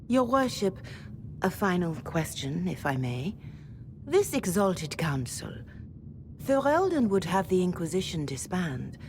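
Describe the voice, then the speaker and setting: A woman's voice: on the low side, sing-song, a little slow, darkish tone, a little hiss or hum. A woman voicing a courteous, solemn reverend mother in a fantasy video game, speaking in a formal, deferential way.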